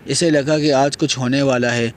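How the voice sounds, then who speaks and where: A man narrating an audio novel in a steady storytelling manner. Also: medium pitch, a little hiss or hum. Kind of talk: reading a novel aloud.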